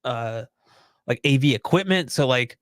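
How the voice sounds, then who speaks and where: Man, young adult, podcast co-host, casual live-stream chat, rambling, smooth voice, mid pitch. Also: lively intonation, unhurried, no room sound. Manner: rambling, easygoing and self-deprecating.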